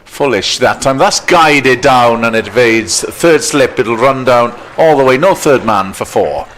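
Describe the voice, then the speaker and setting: A man calls live cricket in a medium-pitched voice. His commentary is descriptive and appreciative, over a faint bed of ground ambience. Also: animated, a little slow, a bit bright, a little hiss or hum.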